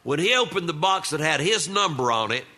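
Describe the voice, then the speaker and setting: The voice is fairly high, bright and forceful: an older man spinning humorous family tales live, fairly quick and expressive. He keeps it folksy and conversational, playing out the relatives' dialogue along the way.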